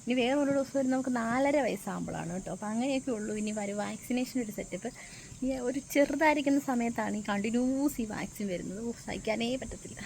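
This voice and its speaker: A woman's voice: on the high side, quick pace, creaky, darkish tone, slight background noise, poor audio. A mother chatting casually in a family vlog, explaining her day as she goes. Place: outdoors and in a car.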